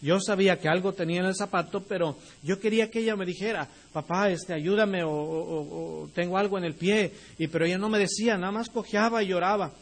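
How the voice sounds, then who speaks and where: A man's voice: sits high, brisk, few pauses. A young adult male pastor preaching a sermon, speaking directly to the congregation and rising into emphatic bursts.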